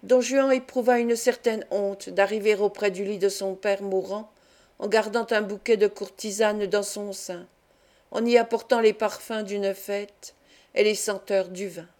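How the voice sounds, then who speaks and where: Woman reading a classic tale, mellow. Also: mid-range voice. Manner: measured, expressive reading. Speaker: audiobook reader. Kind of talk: literary audiobook narration.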